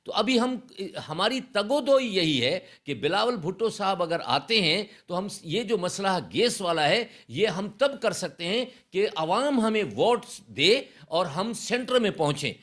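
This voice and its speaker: A man's voice: sits high, animated, hardly any pauses, a bit bright. A man speaking as an election candidate in an interview, assured and persuasive. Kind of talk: interview answers.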